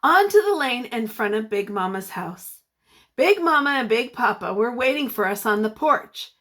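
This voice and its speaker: Reading a picture book aloud like a teacher, a woman sounds expressive and encouraging, stopping now and then to ask the young listeners questions. Her voice sits on the high side.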